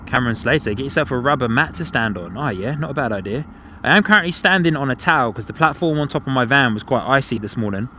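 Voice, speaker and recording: A man's voice: mid-range voice, expressive, fast, sharp tone. A man from England with a New Zealand twang in his English accent, chatting casually to viewers and commentating live as a plane-spotting host. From Hertfordshire, England. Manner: chatty, thanks and greets viewers by name. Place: outdoors on a van-top platform by an airport. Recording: outdoor airport ambience, clear vehicle noise.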